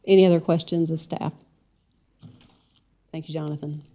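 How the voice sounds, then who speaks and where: A woman with a low, mellow voice chairs a county council meeting. She runs the proceedings in a relaxed, polite way, calling speakers forward and inviting questions. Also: moderate pace.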